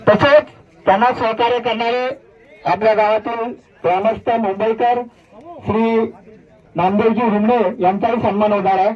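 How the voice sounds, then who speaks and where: Heard with the high frequencies cut off, this high-pitched male voice keeps a fairly even intonation. The speaker, from Konkan, India, is announcing at a village cricket prize ceremony, formally listing names one after another at a measured pace.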